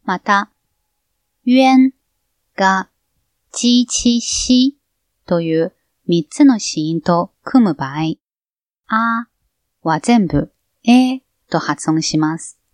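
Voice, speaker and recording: A woman's voice: mid-range voice, animated, drawn-out words, long pauses, dry recording. A woman narrating an explanation for a pronunciation lesson.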